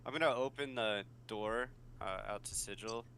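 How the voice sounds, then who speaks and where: A man with a fairly low but bright voice, playing a tabletop game. He thinks aloud and hesitates as he picks his moves, with faint background noise behind him. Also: normal speed. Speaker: player.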